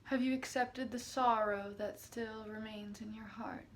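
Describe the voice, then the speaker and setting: With a slightly high, steady voice, a woman guides the listener as a spiritual healer and meditation teacher. Her delivery is halting, full of long pauses and stretched-out words, over noticeable background noise.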